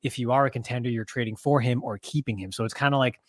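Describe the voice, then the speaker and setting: A man's voice: mid-range voice, quick pace, no echo, studio quality. A man co-hosting a sports podcast, chatting casually with jokey, wry asides. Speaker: podcast co-host.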